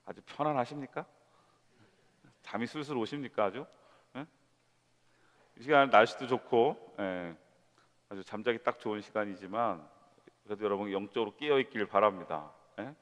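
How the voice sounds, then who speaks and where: A man preaching a sermon to young adults, conversational and lively, with rhetorical questions and quoted voices. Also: on the low side, normal speed, pauses often. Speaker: pastor. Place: church sanctuary. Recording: long church hall reverb.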